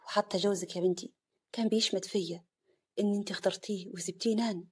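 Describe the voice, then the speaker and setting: A woman's voice: low-pitched, steady tone, very fast, a little mellow, husky. A woman doing a heartbroken elderly father. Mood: weary, resigned. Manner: pleading, broken.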